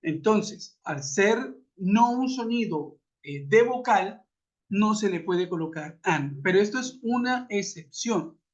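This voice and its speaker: A man's voice: sits high, animated, takes it slowly. Man, English teacher, online class lecture, rhetorical questions, dull call audio. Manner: patient explaining, with rhetorical questions. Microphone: computer mic on a video call. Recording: muffled web conference audio.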